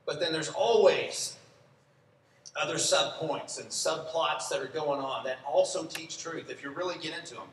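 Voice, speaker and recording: A man's voice: a little high, moderate pace, slight background noise. Man preaching in an echoey church. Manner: conversational, asks the congregation questions. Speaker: pastor. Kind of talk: sermon. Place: church sanctuary. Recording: echoey church room, from a distance.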